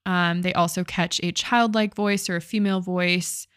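A woman's voice: on the low side, fairly even intonation, moderate pace, fairly bright tone, clear, resonant tone, no echo, studio quality. A young woman co-hosting a podcast, retelling a ghost story in casual chat, swearing and using many fillers. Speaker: podcast co-host.

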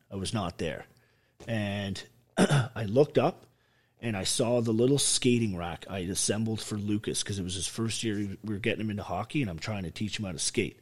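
A middle-aged man with a somewhat low voice, talking as a guest in an interview. He tells his story in a blunt, raw way, swearing constantly and speaking with open emotion. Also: darkish tone. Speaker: podcast guest, army veteran.

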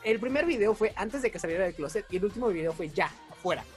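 A man's voice: high voice, animated, quick pace, faint music behind. A young man with a Mexican accent, chatting as an interview guest, talkative and self-mocking, laughing often. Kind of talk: casual chat.

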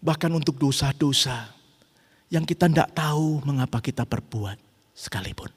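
A middle-aged man preaching a sermon as pastor, swinging between loud urgent rhetorical questions and quiet, intimate reflection. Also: mid-range voice, moderate pace, husky. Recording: long hall reverb.

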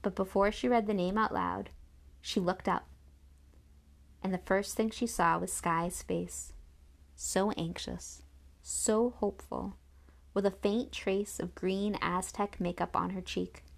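Woman reading aloud with vocal fry. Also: medium pitch, steady tone, slow pace. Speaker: narrator. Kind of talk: audiobook reading of a children's novel.

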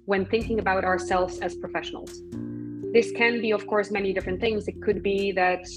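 A woman from Poland, a recruitment professional, answering interview questions in a measured, thoughtful way with frequent ums. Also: medium pitch, fairly even intonation, over music, poor audio.

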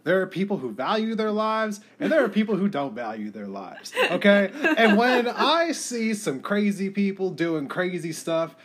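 A man's voice: sits high, big pitch swings, normal speed, few pauses, a bit bright. A man co-hosting a podcast, ranting emphatically in casual chat. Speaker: podcast co-host.

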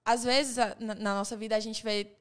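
A young woman tells a long personal story to her friends on a podcast. Her voice sits slightly high and stays smooth and clear. She slips into little performances of what people said. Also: fairly quick. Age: young adult. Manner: animated storyteller, acts out quoted dialogue. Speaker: podcast co-host. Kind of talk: casual chat among friends.

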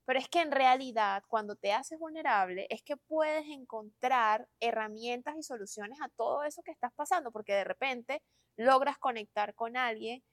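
Brief: young woman host, slightly high voice, thoughtful and encouraging, dry recording. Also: normal speed, no room sound. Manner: reflective, encouraging, asks questions. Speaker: podcast host. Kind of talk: casual podcast chat.

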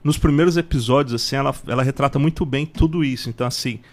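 A man's voice: mid-range voice, fast talker. A man with a Brazilian Portuguese accent hosting a casual podcast interview, speaking in an informal, slangy, enthusiastic way. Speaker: podcast host.

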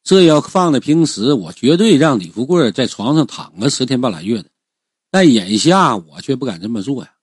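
Husky, lively male storyteller. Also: medium pitch, no room sound, clean studio sound. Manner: colloquial storytelling with drawn-out particles. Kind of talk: first-person audiobook narration.

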